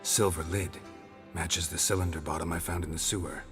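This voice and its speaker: An actor plays Geralt, a gruff middle-aged monster hunter in a video game, talking in short, dry, clipped lines. His voice sits extremely deep and low. Game music plays clearly behind him. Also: steady tone, fairly quick, natural voice.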